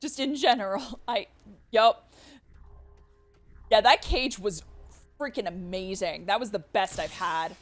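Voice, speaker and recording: A woman speedrunner giving live commentary on her game, cooing baby talk to the creature and bursting out loud when things go well or wrong. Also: mid-range voice, a little slow, long pauses, soft background music. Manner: excitable, with sudden loud outbursts. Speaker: speedrunner streamer.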